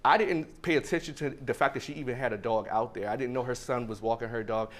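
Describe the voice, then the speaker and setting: A man's voice: medium pitch, fast, a bit bright. A man speaking as defendant on a TV court show, defending himself in a casual, defensive way. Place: TV courtroom set.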